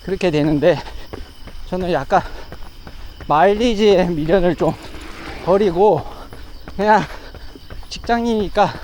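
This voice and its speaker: An amateur runner vlogs on his own along a riverside path, chatting casually in short, broken phrases as he runs. His voice is high-pitched and a little mellow, and the low-quality recording picks up outdoor ambient noise.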